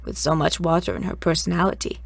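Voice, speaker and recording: Storybook figure: raspy, blunt middle-aged housemistress, put on by a woman narrator, pitched low, cutting and scornful. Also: steady tone, fast, dry recording. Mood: wheedling. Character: harsh, coarse middle-aged woman who runs the house.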